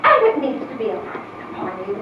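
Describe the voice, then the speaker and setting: A woman's voice: high voice, huge pitch swings, quick pace, creaky, full character voice. A woman acting a wealthy, bossy old aunt in a period drama, blunt and scolding in a haughty, exclamatory way. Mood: urging, condescending. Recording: echoey distant muffled recording, faint noise.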